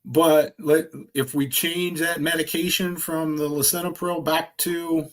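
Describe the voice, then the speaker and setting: Through a screen share, a man with a fairly high voice walks viewers through insurance quoting software. He trains insurance agents and keeps the pitch lively and sales-driven, tossing in fast side remarks.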